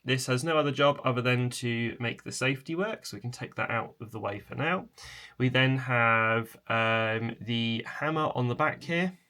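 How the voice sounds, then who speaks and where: A man presenting a casual hands-on tutorial in an informal, tentative, explanatory way, with a chair creaking. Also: medium pitch, normal speed, pushed and bright. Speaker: video presenter.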